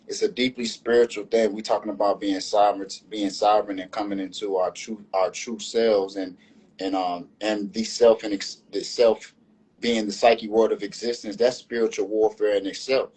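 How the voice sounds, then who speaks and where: A man's voice: fairly low pitch, flat delivery, normal speed, a little mellow, breathy edge, low-quality recording. A man speaking earnestly as a panel guest in a live online discussion, repeating and restarting phrases as he builds his point.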